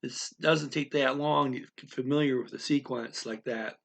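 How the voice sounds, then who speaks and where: A native English speaker teaching a language talks straight to the learner in a casual, rambling way, often restarting and checking in with "okay?". He sounds gravelly and mid-range, with a fairly even delivery at a moderate pace.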